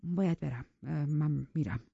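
A woman playing a young gentleman in an audiobook, offended and reproachful, his lines raised and strained. The recording is dry and dull, with no room around it. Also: low-pitched, vocal fry, breathy edge, no echo, full character voice. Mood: quiet. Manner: wounded, reproachful.

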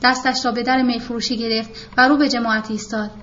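Reading a novel aloud, a high-voiced woman narrates an audiobook steadily from the script, delivering the characters' dialogue without much vocal change. A faint hiss runs under the slightly muffled recording.

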